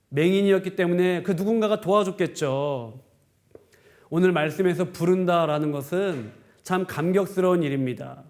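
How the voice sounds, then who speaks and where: A man's voice: fairly high pitch, a little mellow. A male pastor giving a sermon, retelling a story and asking rhetorical questions.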